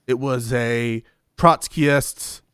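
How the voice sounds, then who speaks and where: A man's voice: mid-range voice, fairly even intonation, very slow, a bit bright, smooth, dry recording, studio quality. A man hosting a heated debate, arguing and cutting in with repeated requests to wait. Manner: interrupts with repeated "wait", argumentative. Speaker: debate host.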